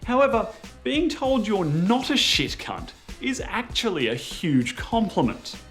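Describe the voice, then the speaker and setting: A man's voice: high-pitched, a little slow, faint music behind. A man with an Australian accent presenting a scripted comedic explainer in a wry, sweary way. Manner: sweary, wry, animated delivery. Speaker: comedy web series presenter.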